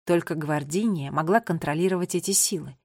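A woman's voice: sits low, fairly quick, darkish tone, no room sound. Woman narrating a storybook, dry sound. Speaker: audiobook narrator.

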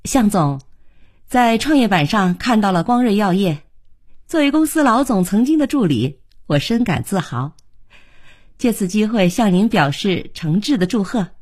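A woman's voice: mid-range voice, lively intonation, moderate pace, a little mellow, breathy edge, voice pushed up. A woman reading as a poised young businesswoman. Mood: courteous. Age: 20s. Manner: poised, courteous, professional. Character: composed young woman event organizer, polished. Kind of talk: audiobook character reading.

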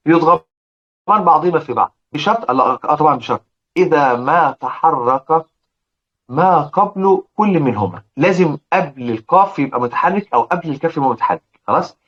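A man with an Egyptian Arabic accent teaching Quran recitation, slowly repeating example words and often checking that his listeners follow. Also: fairly high pitch, fairly bright tone. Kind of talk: explaining lesson with recited examples. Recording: dull lo-fi recording.

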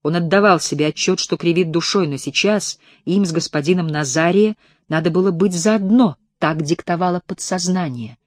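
A woman narrates a mystical story for an audiobook, measured and even. Her reading is steady and literary. The recording is dry and close. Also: lowish voice, no echo. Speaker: audiobook reader.

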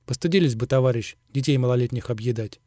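A man's voice: medium pitch, fairly quick, a little mellow, dry recording, studio quality, natural voice. A man reading the part of a fawning male servant who turns to reproach. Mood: reproachful. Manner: sugary then reproachful. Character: fawning orphanage servant man, quick to scold.

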